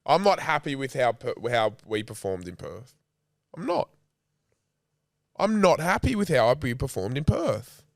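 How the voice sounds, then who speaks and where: A man's voice: medium pitch, very animated, a little slow, gravelly, pauses often, no echo, clean studio sound. An Australian man co-hosting a podcast, chatting casually in a slangy, matey way. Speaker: podcast co-host. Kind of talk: casual chat.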